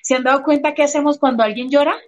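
A woman's voice: high voice, fast, highs cut off. A woman coach talking casually in an interview, telling stories and acting out what people say. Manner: expressive storyteller, acts out quoted voices. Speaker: emotional coach.

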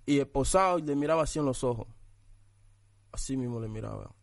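A man's voice: mid-range voice, animated, brisk, gravelly, dry recording, studio quality. A young man, a rapper guest in a casual interview, talking bluntly and toughly with repeated tag questions.

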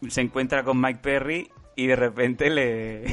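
A man's voice: mid-range voice, fairly even intonation, unhurried, fairly bright tone, soft background music. A man co-hosting a casual sports chat, joking and laughing between remarks. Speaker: podcast co-host.

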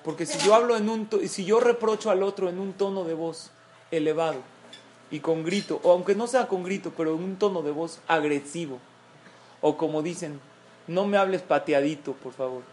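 Lady teaching a parenting class, deep-ish voice, acts out little quotes, bit of hiss. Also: moderate pace, a little mellow. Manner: explanatory, acts out example quotes. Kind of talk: talk to a group of mothers.

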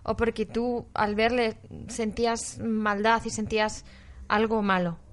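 A woman asks an interviewee measured, thoughtful questions. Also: a little high, level tone.

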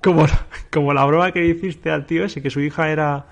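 A man with a somewhat high voice, ribbing his co-host in casual podcast banter. He talks in playful, teasing bursts. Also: steady tone, brisk, creaky.

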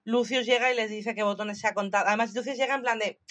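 A woman in casual chat, recapping a show with animated retellings, acting out the lines and swearing freely. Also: a little high, quick pace.

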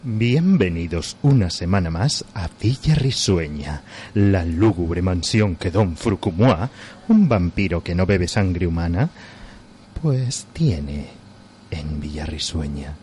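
Man playing old radio serial announcer, spooky comedy narration, low, unhurried, faint noise behind. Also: expressive, dark tone. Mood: solemn, mock-gloomy.

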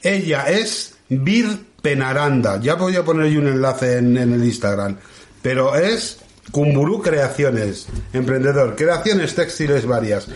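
A man's voice: mid-range voice, animated, unhurried. A man from hosting a podcast, chatting in a campy, playful way. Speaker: podcast host. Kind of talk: casual chat. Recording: roomy echo.

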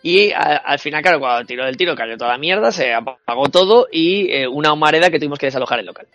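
A young man telling a comic anecdote to friends, animated and swearing freely as he acts out what others said. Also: fairly high pitch, fast, no echo, muffled recording. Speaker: storyteller on a New Year's Eve show.

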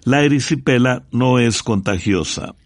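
A man's voice: medium pitch, a little slow, no room sound, clean studio sound. A man co-hosting a radio program, giving plain, instructive scripted narration.

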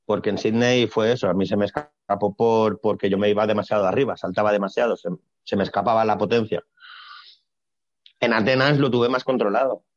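A man, a retired gymnast explaining his career in a relaxed, blunt, colloquial way during a casual interview. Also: fairly low pitch, a little fast, no echo. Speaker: retired Olympic gymnast, guest. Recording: dry, slightly dull sound.

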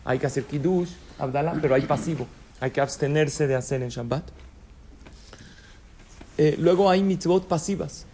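A man's voice: fairly high pitch, normal speed, pauses often, darkish tone, a little hiss or hum. A man leading a religious class, who poses questions to his listeners, answers them himself and slips in light jokes. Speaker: rabbi teaching a class. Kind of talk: Torah lesson in Spanish with Hebrew terms.

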